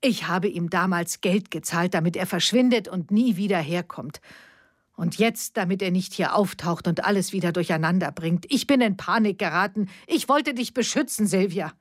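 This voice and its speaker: A woman's voice: lowish voice, normal speed, no echo, studio quality, natural voice. A woman voicing a nervous middle-aged mother who pleads and defends herself, read as part of an audiobook story. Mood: pleading. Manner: pleading, flustered.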